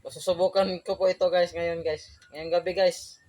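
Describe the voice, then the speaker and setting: A man's voice: high voice, little pitch movement, moderate pace, mellow. A young Filipino man from outside Manila, an electrician chatting casually through a job-site tutorial and saying "guys" constantly. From Philippines, outside Manila. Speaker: electrician vlogger.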